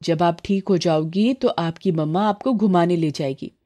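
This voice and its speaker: A woman voicing a gentle young mother who softly coaxes her daughter in a storybook tale. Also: fairly low pitch, moderate pace, close to an everyday voice. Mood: coaxing. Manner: soft and coaxing.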